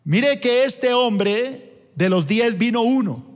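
A man delivers an emphatic sermon at an unhurried pace. His voice sits high, and he stops to let the congregation supply the next word. A long reverb from the church auditorium trails behind every phrase. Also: lively intonation. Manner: emphatic, asks the congregation to fill in words. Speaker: preacher.

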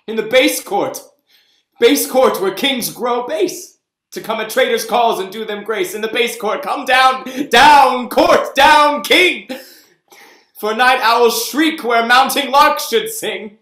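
A man's voice: very high-pitched, sharp tone, full character voice. An actor playing a proud, wounded, deposed king in a declamatory Shakespearean reading. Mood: anguished, bitter. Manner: declamatory, deliberate. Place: indoors, remote video call. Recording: roomy, echoing home recording.

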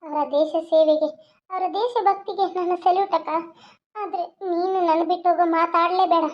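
Brief: a woman playing an earnest young sister; very high voice, muffled recording. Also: steady tone, a little fast. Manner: emotional, earnest. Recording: dull lo-fi recording.

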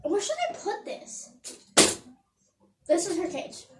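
A woman's voice: extremely high pitch, animated, takes it slowly, very noisy. A teenage girl chatting casually in a vlog, slipping into baby talk with her puppy. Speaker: vlogger.

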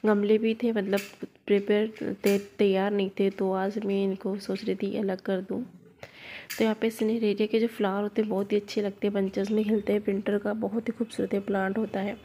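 In a casual gardening walkthrough, a woman vlogger plants cuttings at home and addresses her viewers as friends, filming on a phone in one hand. Her mid-range voice is warm and fairly quick with little pitch movement, and a little hiss or hum can be heard.

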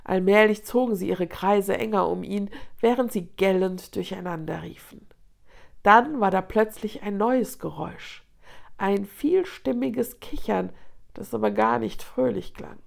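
A woman reading a children's storybook aloud in an expressive, dramatic way. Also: medium pitch, a little slow, vocal fry. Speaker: children's book reader.

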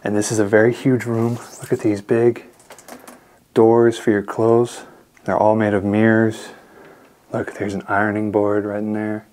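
A young man casually narrating a walkthrough of an empty mansion, talking to his viewers with excitement. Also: lowish voice, measured pace. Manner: excited, addresses viewers as guys. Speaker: urban explorer vlogger. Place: large empty mansion indoors.

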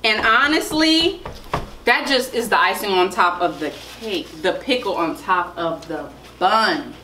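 A woman hosting a casual food review, chatty and lively, laughing often. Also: medium pitch, unhurried, reverberant, a little hiss or hum. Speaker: food vlogger host.

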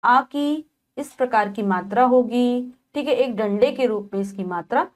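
A woman teaching a children's lesson, slowly spelling out letters one by one and checking in often with "okay". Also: on the high side, a little mellow. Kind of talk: textbook lesson explaining Sanskrit vowel signs to children.

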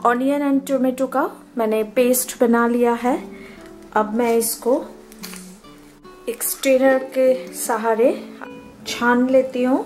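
A home cook with an Indian accent teaches a recipe step by step for her channel, her simple instructions shifting between Hindi and English. She speaks slowly with frequent pauses, in a slightly high, darkish, fairly even voice, with faint music behind.

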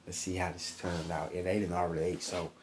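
This casual home cooking vlog features a man in his thirties in a small kitchen, filming himself with a phone at arm's length while demonstrating a recipe. He speaks briskly in a low, level voice, using laid-back slang, and there's noise in the background.

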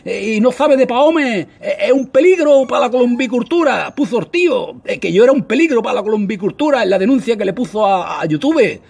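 Gravelly ranting man, high and lively. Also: fairly quick, few pauses. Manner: crude, mocking rant with whiny impersonations. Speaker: vlogger. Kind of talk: angry ranting monologue.

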